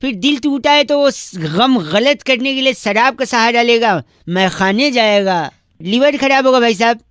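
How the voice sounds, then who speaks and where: A high-pitched man plays a radio prank caller who teases his targets with absurd, mock-serious lectures. His voice is dry and close on a studio mic. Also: lively intonation, measured pace, fairly bright tone, clear, resonant tone, no room sound. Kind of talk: comedic prank phone call.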